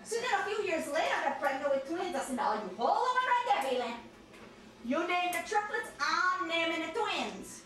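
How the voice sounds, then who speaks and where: A woman with a Cajun accent telling comic stories and bantering at a house party, animated and folksy, acting out the dialogue. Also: very high-pitched, normal speed, a little hiss or hum. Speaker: comedian hired to entertain at a house party. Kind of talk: comic storytelling with audience banter. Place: crowded living room at a party. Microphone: camera across the room. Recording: echoey living room, distant camera microphone.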